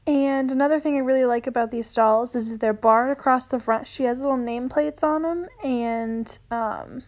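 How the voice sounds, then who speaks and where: Holding her phone camera at arm's length, a young adult woman vlogs casually from a horse barn, partly out in the rain, laughing frequently as she talks to her viewers. She speaks at a moderate pace in a fairly high, darkish voice with fairly even intonation, captured in a low-quality phone recording full of barn noise.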